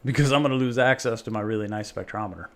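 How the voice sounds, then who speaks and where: Talking at a racing speed in a lowish voice, a man hosts a live stream, rambling and joking with his chat while tinkering with a homemade project.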